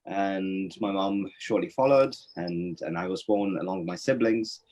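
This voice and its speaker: A man's voice: low-pitched, normal speed, darkish tone. A man from Norway, a poet and interview guest, giving thoughtful, reflective answers with many fillers and restarts on a webinar call. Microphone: webinar video call.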